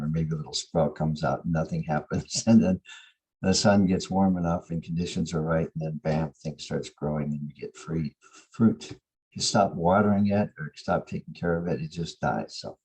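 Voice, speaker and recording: A man's voice: very deep voice, darkish tone, slightly rough, rough recording. A man hosting a morning devotion call, easygoing and laughing lightly between thoughts as he chats over a video call. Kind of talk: casual group-sharing talk.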